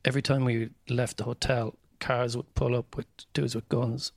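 A man's voice: medium pitch, little pitch movement, moderate pace, creaky, no room sound, clean studio sound. A man with a west of Ireland accent, chatting casually and telling comic stories in a wry, self-deprecating way. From County Mayo, west of Ireland. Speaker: stand-up comedian guest. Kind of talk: casual chat, comic anecdotes.

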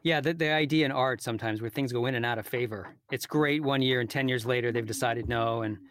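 Fast-talking curious male host. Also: medium pitch, a bit bright. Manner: chatty, curious, loose phrasing. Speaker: podcast host. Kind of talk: casual interview questions.

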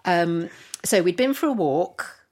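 A woman's voice: lowish voice, expressive, a little slow, darkish tone. A middle-aged woman from Surrey, chatting eagerly as podcast co-host with lots of ums. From Surrey, England. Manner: chatty, enthusiastic, many ums. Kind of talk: casual chat.

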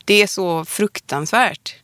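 A woman's voice: mid-range voice, a bit bright, no echo. A woman in her forties with a Borås Västergötland accent, a podcast guest chatting casually, self-mocking and often laughing. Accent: Borås Västergötland Swedish. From Sweden, Västergötland. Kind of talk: casual chat.

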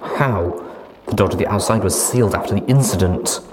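A man voicing a wounded, sullen male pony who speaks slowly in low, flat, carefully measured tones. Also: very noisy, close to an everyday voice.

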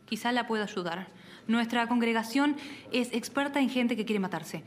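An actress playing a pious evangelical widow in a radio drama, speaking in a prim, churchy and wry way. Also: female voice, a little high, moderate pace, natural voice.

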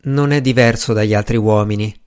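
A man's voice: medium pitch, unhurried, lightly acted. A man reading a novel aloud, voicing a weary, distrustful woman who speaks coldly and curtly. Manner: cold, clipped, impatient.

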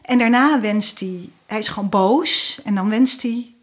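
A woman guest telling a fairy tale in a relaxed, hesitant way with many fillers. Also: mid-range voice, measured pace. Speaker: guest storyteller.

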